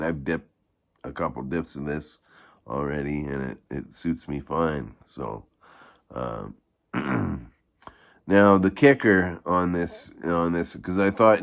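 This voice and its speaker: A man with a gravelly voice giving a rambling, halting, casual product review in the manner of a video blogger. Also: a bass voice. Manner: halting, rambling delivery with repeated false starts.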